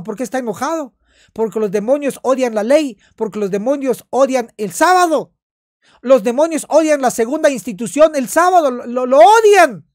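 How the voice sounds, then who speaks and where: A man's voice: extremely high pitch, dry recording, studio quality. A man, a pastor, commenting on a video in a sermon style, emphatic and repeating his phrases.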